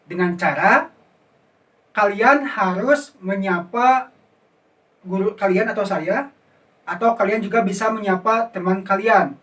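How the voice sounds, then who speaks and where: A man's voice: high voice, unhurried, long pauses, a bit bright, far from the mic. A man with an Indonesian accent teaching an online English lesson, explaining patiently and running repeat-after-me drills.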